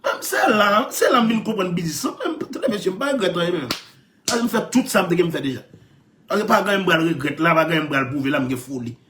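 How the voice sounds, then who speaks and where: A man with a Haitian Creole accent talks in a high voice that swoops up and down. He tells his stories excitedly, laughs often and keeps repeating his phrases. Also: a little fast, a little hiss or hum. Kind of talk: animated storytelling chat.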